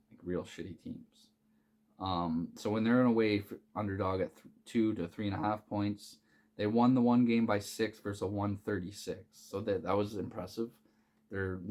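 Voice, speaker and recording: A man's voice: lowish voice, a little mellow. A man casually talking through his college basketball betting picks, rambling and swearing, with many fillers and restarts. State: hiccuping. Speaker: sports betting picks host. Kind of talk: casual unscripted sports betting talk.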